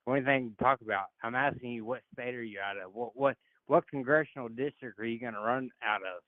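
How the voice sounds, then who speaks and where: A man's voice: mid-range voice, quick pace, no room sound. A man calling in to a live politics show, insistent and aggravated, pressing to finish his statement. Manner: insistent, keeps pushing to finish his point. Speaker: caller. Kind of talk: heated call-in argument. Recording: tinny phone line.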